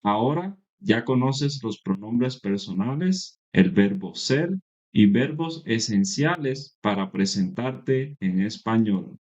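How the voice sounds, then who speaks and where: Slow, mellow-voiced male Spanish teacher. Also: on the low side, expressive, highs cut off. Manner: slow, careful, encouraging delivery. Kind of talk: scripted lesson narration.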